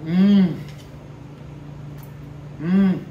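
A man's voice: high voice, fairly even intonation, drawn-out words, distant mic, dull audio, slight background noise. A man reviewing food in a casual eating vlog, chewing with his mouth full and humming as he tastes. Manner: chatty, addresses viewers directly, hums while tasting. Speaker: food vlogger. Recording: roomy sound from off mic, music behind.

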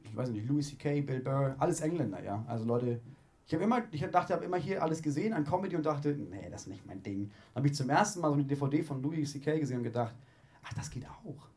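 A young guest comedian chats onstage before an audience in a small living room, handheld mic in hand. His mid-range voice is animated with a darkish tone, and he's quick, wry and self-mocking, acting out quoted voices in casual talk.

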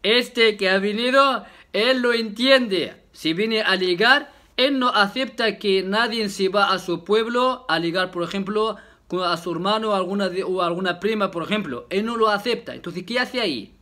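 A man's voice: sits high, normal speed, pushed and bright. Laughing, jokey man. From Morocco. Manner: jokey, laughs often, tag questions. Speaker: YouTuber. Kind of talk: casual vlog talk to viewers.

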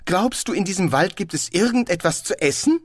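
A man's voice: high-pitched, lively intonation, fairly quick, dry recording, studio quality, pitched above the performer's own voice. A man reading an audiobook, voicing a naive, trusting male tourist who asks eager, wide-eyed questions. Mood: curious.

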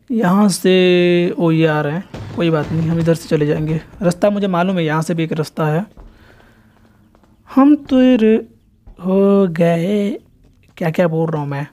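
A young man giving casual, excitable commentary while playing a horror game and chatting to his viewers. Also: sits high. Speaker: gameplay streamer.

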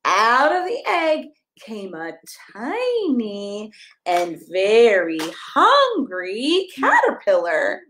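A woman in her thirties reading a picture book aloud to a toddler, expressive and encouraging, coaxing the child along with questions. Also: a little high, very slow, roomy sound, a little hiss or hum. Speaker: pastor reading a children's story. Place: small carpeted room at home, indoors. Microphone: camera a step or two away.

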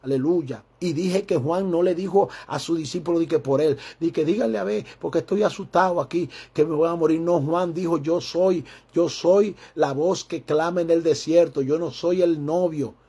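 A man preaching a sermon as pastor, fervent and emphatic, climbing into high bursts. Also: moderate pace, few pauses, warm tone, slightly rough.

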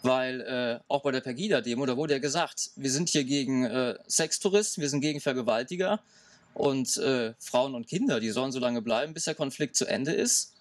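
A man's voice: medium pitch, fairly quick, dry recording. Guy in his 30s arguing hard outdoors, mic a bit far, dry. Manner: emphatic, argumentative. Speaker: interviewee. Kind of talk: outdoor interview. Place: outdoors in woods.

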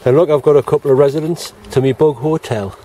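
A man's voice: on the high side, quick pace, mellow, husky. A middle-aged man, chatting casually to viewers as he films his allotment garden outdoors on a handheld camera. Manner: chatty, plain-spoken, talks to viewers as he walks round. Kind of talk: casual walk-and-talk vlog. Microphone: handheld camera, self-filmed.

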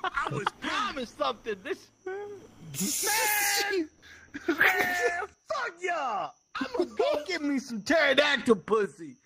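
A man's voice: very high-pitched, sing-song, slow, pauses often, noisy background. A man joking crudely in group banter, brash and mock-outraged.

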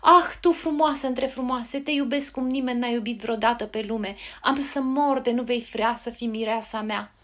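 A woman's voice: on the high side, few pauses, a bit bright, close to an everyday voice. A woman voicing an enchanted young man fervently declaring his love in a storybook tale. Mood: lovestruck. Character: lovestruck young man, bewitched and pleading.

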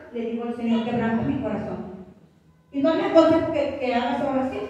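A woman's voice: high-pitched, dark tone, lo-fi sound. A woman pastor preaching a fervent sermon to her congregation, often calling out to them directly. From Mexico. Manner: fervent, keeps calling listeners "hermano". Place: church hall. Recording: echoey church hall, far from mic.

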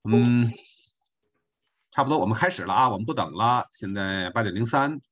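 A man's voice: medium pitch, expressive, normal speed, a bit bright. A man teaching a beginner French class online as a volunteer, patiently repeating his points with chatty asides.

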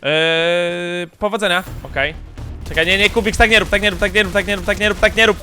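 A young man from Poland giving excited commentary over his own game, with sudden shouts and quick muttered asides. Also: high-pitched, soft background music. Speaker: gaming YouTuber.

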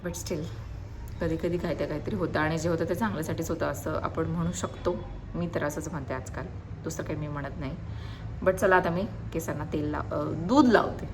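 A woman's voice: low-pitched, steady tone, brisk, background noise. A young woman with a Marathi accent, chatting in a casual home vlog and repeating her words. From India. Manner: chatty, repeats words, mixes in English and Hindi. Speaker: vlogger. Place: family home.

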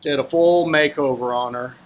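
A man's voice: medium pitch, normal speed. A man giving a casual walkthrough tour of a boat, talking to viewers as he moves around the decks and cabin. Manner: relaxed, talks to viewers while walking around. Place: on a boat, outdoors then in the cabin.

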